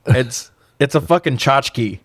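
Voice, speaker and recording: A podcast co-host recaps a film in a casual, comedic chat, riffing with incredulous, sweary humor. His voice sits at medium pitch and sounds animated, though he takes his time. The studio recording is clean, with no echo.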